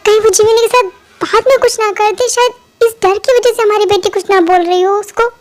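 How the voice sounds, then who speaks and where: A woman voicing a caring mother who reasons gently with her husband in a fan-made audio drama dub. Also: very high voice, steady tone, fairly quick. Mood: coaxing. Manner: soothing, reasoning.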